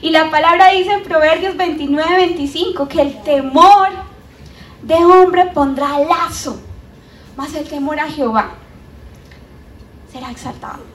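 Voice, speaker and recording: A woman with a Colombian accent preaching a sermon, animated and acting out the voices of doubters. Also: high voice, measured pace, long pauses, slight background noise. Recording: roomy, from a distance.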